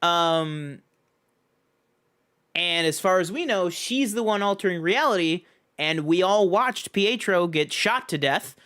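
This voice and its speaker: A man's voice: high-pitched, lively intonation, takes it slowly, bright, forceful tone. A man co-hosting a casual film review podcast, laying out his theories with lots of ums and you-knows. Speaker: podcast co-host.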